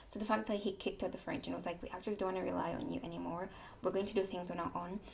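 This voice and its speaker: A woman's voice: lowish voice, creaky, a little mellow, a little hiss or hum. A woman from Tanzania, English her second language, giving a candid opinion monologue with repeated words for emphasis. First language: not English. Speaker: political commentary vlogger. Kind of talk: casual opinion monologue to camera.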